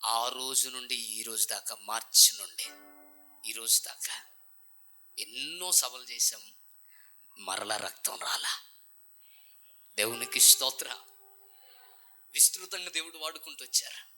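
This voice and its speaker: A man preaching a testimony at a revival meeting, moving from hushed whispers to loud, impassioned calls. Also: mid-range voice, unhurried, long pauses, faint music behind. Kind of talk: sermon testimony. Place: church revival meeting, over speakers.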